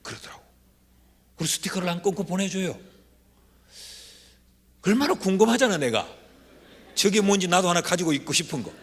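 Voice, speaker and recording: A middle-aged man, a pastor, preaching a revival sermon with folksy storytelling that swings from hushed asides to shouted exhortation, in a large church sanctuary. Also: high voice, animated, fairly quick, pauses often, husky. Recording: reverberant church hall with faint room noise.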